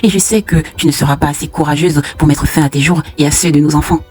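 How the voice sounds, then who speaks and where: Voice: mid-range voice, steady tone, fast talker, a little mellow, slightly rough, faint music behind, close to an everyday voice. A storyteller voicing a vain, cruel, unfaithful husband who talks in a mocking, boastful way.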